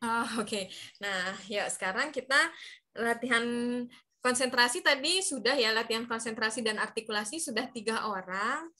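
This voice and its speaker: A woman's voice: on the high side, normal speed, bright, forceful tone. A woman who works as a voice actor, cheerfully teaching an online class for children over a video call.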